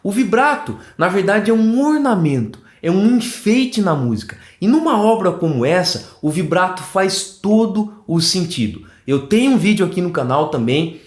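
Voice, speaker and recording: A Brazilian man gives an online flute lesson, talking the viewer through each step and checking in as he goes. His voice sits high and moves a lot in pitch. The room around him is roomy and echoey. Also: normal speed, few pauses. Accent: Brazilian Portuguese. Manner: animated, explanatory, checks in with "tá?". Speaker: flute teacher.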